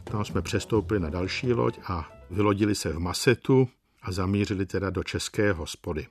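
A man telling travel anecdotes in an unhurried, wry and reflective way. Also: sits low, husky, faint music behind. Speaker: storyteller.

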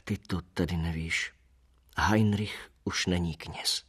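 A man's voice: deep voice, breathy edge. A man voicing a sighing, reluctant young seminarian. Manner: halting, reluctant, burdened.

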